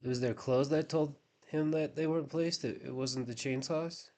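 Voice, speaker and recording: A man's voice: fairly high pitch, fairly even intonation, normal speed, a little mellow. Wry man commenting sarcastically. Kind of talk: sarcastic commentary over court footage.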